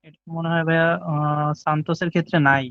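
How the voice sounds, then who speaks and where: A man's voice: fairly high pitch, flat delivery, fairly bright tone, dull audio. A man who is a student answering questions hesitantly in an online class, over call audio. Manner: hesitant, slow answers with fillers.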